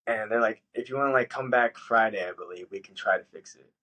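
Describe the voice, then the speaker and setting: A man's voice: quick pace, rough recording. Casual storytelling man. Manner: swearing, animated retelling with high-pitched quoted voices. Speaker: podcast host.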